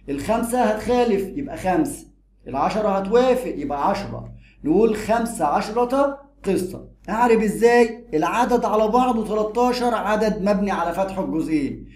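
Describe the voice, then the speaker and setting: Egyptian male grammar teacher, brisk and high-pitched, drills rules, echoey room. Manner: lively, repeats and drills rules. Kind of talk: explanatory grammar lesson.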